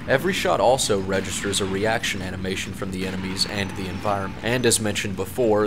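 A man with a low voice narrates a scripted video game review. He speaks in a measured, opinionated manner, like someone reading a prepared essay. Clear noise and game ambience sit behind his voice.

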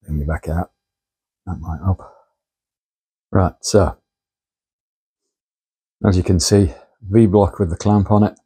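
A man speaks in a low, slightly husky voice with a dark, mellow tone. He chats casually as he works, explaining each step of his workshop task. He is recorded indoors by a camera on a tripod in his home workshop. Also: slow pace, pauses often. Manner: chatty, talks viewers through each step as he works. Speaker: model engineering workshop host.

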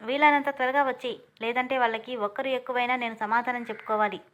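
A woman voicing a brisk, businesslike hostel matron giving instructions in a storybook reading. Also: on the high side, steady tone, fairly bright tone, lo-fi sound, close to an everyday voice.

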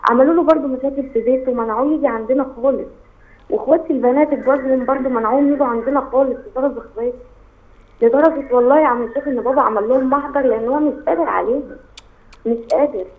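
Fast-talking young woman on a phone line. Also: high-pitched. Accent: Egyptian. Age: young adult. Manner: rushed, upset, halting. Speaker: caller. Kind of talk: phone call to a live show.

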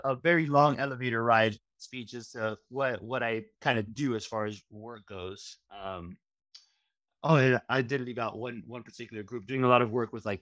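A man's voice: mid-range voice, dry recording. Middle-aged male guest, easygoing, rambling lists, headset on a video call, dry close sound. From Miami, USA. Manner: relaxed, rambling lists with frequent fillers. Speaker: guest, registered dietitian. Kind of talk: casual interview chat. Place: home room, video call.

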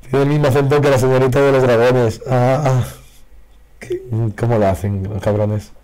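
Hoarse man opening card packs. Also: medium pitch, normal speed. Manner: excitable, reacts loudly to pulls. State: hoarse, losing his voice. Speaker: card game video creator. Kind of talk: casual pack-opening commentary. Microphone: faulty broken microphone.

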